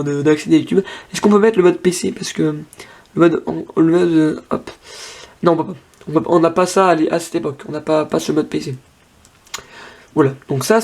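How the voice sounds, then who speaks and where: A man's voice: a little high, a little mellow, husky. A young man casually demoing an old tablet on camera, thinking aloud with lots of fillers and restarts. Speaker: tech vlogger. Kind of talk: casual hands-on device demo.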